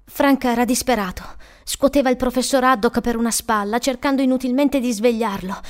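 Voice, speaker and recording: A woman reading an audiobook in calm, measured narration. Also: on the high side. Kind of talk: scripted narration.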